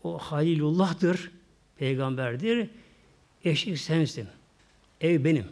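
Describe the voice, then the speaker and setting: A man's voice: a little high, slow, a little mellow. A man playing a dutiful young prophet and husband who speaks earnestly and apologetically.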